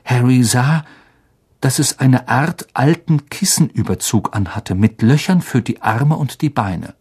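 A man narrating a storybook in a calm, scripted reading. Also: medium pitch, a little slow, breathy edge. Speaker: audiobook narrator.

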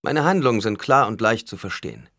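A man voicing a calm male advisor in an audiobook, measured and lecturing. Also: on the low side, dry recording, clean studio sound, pitched above the performer's own voice. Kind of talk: audiobook character voice.

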